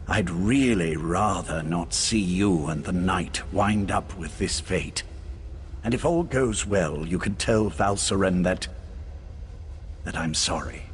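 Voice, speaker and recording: Weary selfless game hero, lowish voice, dry and resigned, noisy background. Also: male voice, slow. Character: weary, selfless male ally sacrificing himself, dryly composed. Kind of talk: video game voice acting.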